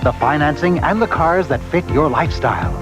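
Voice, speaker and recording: A man's voice: on the high side, brisk. Male car-ad announcer over music. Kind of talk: scripted advertising narration. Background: music bed.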